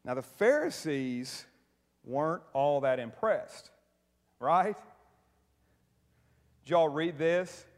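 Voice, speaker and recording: A high-pitched man preaches from the pulpit, lively and full of jokes, checking in with his listeners with quick "right?" asides. His voice rings out with a long reverb, as if filling a big church sanctuary. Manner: animated, joking preacher with frequent "right?" asides to the congregation. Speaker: pastor. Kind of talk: sermon. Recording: long reverb of a large hall.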